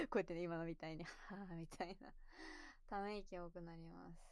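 A young woman chatting casually while a little tipsy. She answers viewer questions and rambles, giggles, and trails off into mumbles. She calls her natural voice low. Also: normal speed, no echo. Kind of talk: casual chat. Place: at home, sitting on the floor.

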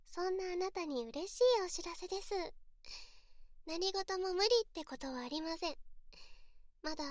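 A woman's voice: very high voice, no room sound, clean studio sound. A woman voicing a bratty young female streamer who speaks sweetly and politely while mocking and insulting her viewers, in a voice drama role-play. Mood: teasing.

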